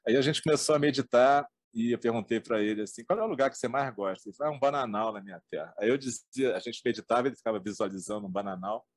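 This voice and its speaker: A man's voice: mid-range voice, fast talker, few pauses, no room sound. A middle-aged man teaching a class, retelling a story in a colloquial, joking way and acting out the characters' lines. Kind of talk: informal lecture retelling a story.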